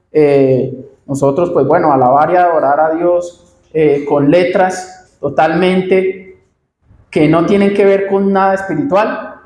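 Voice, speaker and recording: A man's voice: high voice, a little mellow. A Colombian man preaching a sermon, repeating phrases for emphasis and often calling out to his beloved brothers. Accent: Colombian Spanish. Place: church sanctuary. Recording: echoey church room.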